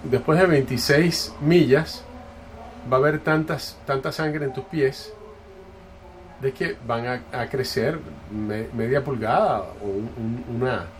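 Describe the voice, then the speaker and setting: A man's voice: medium pitch, a little slow, natural voice. A man doing a pushy dad with an Indian accent. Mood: eager. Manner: enthusiastic, pushy. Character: eager older father, marathon-obsessed, talkative. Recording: distant mic, noisy room.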